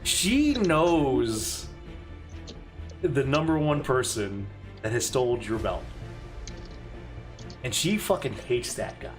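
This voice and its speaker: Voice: mid-range voice, big pitch swings, takes it slowly, pauses often, faint music behind. A game master casually narrating a tabletop role-playing game, with frequent hesitations.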